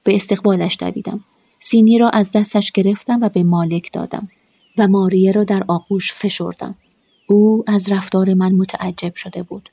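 A woman narrating a first-person story in a calm, measured way. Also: medium pitch, creaky, breathy edge, no room sound. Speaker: audiobook narrator.

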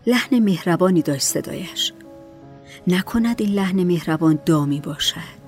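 A woman narrating a novel in a calm, measured voice. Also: lowish voice, soft background music. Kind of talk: storybook narration.

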